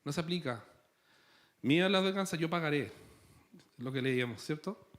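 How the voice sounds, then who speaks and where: A man's voice: a little high, lively intonation, moderate pace, fairly bright tone. A man with a Chilean accent preaching a sermon in a church, conversational and playful, tossing in rhetorical questions. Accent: Chilean Spanish. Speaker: pastor.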